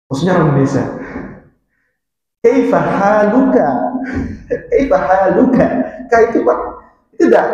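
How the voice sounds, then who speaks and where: Male religious teacher in an echoey mosque. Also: sits high. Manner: explains patiently, repeats key terms, chants Quran verses slowly. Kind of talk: mosque study lesson on Arabic grammar. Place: mosque hall. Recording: echoey mosque hall, dull lo-fi sound.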